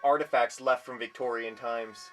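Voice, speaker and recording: A man's voice: medium pitch, fairly even intonation, moderate pace, music in the background. A man chatting casually and with awe as he explores a cave as an amateur caver. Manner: awed, marveling. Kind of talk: casual exploration vlog chat. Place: in and around a small marble cave.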